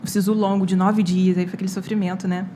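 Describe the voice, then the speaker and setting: A young Brazilian woman talks quickly and casually, retelling events with quoted dialogue and plenty of fillers. Her voice sits at a middle pitch, with faint ambient noise in the background. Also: little pitch movement, mellow. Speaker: guest, medical student. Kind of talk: casual podcast storytelling.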